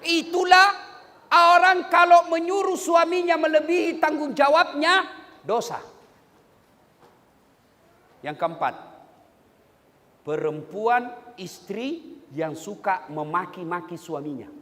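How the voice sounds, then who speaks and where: High-voiced, animated male preacher. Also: takes it slowly, long pauses. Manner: jokey, animated, acts out quotes and sings lines. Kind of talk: humorous sermon. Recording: long hall reverb, faint noise.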